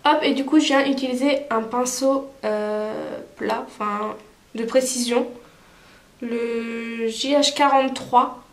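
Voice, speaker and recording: This beauty vlogger speaks slowly in a steady, slightly high voice, stuffy from a cold, as she casually talks her way through a makeup tutorial with many fillers. The recording is reverberant.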